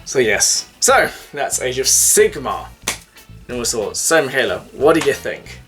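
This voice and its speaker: Tipsy host rambling, casual drunk explainer, normal pitch, bit of music behind. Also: sing-song, measured pace. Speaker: host of a hobby video channel.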